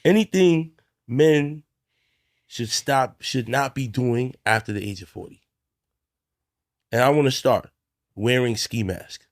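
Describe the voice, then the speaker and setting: A man hosts a podcast in a casual way, putting questions to his guests and chiming in with short agreements. His voice sits at a middle pitch, recorded dry and close. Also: slow pace, pauses often, no room sound. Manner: asks questions, short affirmations. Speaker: podcast host. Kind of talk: casual interview.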